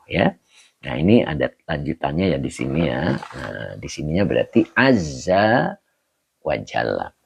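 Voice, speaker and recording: A man teaching Arabic grammar in an online study session, relaxed and chuckling often, drawing out Arabic slowly. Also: rumbling low, vocal fry, slightly rough, no room sound. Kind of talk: online livestream lesson, reading comments.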